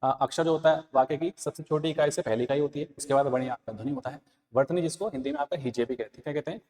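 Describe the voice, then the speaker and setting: A man's voice: a little high, rapid-fire, a little mellow, in a large hall. A man teaching an exam-prep lesson, repeating key points and quizzing listeners with rhetorical questions. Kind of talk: Hindi exam-prep lesson, explaining answers.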